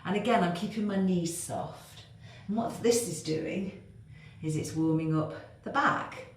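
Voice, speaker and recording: Low-voiced woman leading a workout, echoey room. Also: measured pace. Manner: cueing moves while exercising, encouraging. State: getting out of breath. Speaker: fitness instructor. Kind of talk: workout instruction. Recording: very echoey room, faint noise.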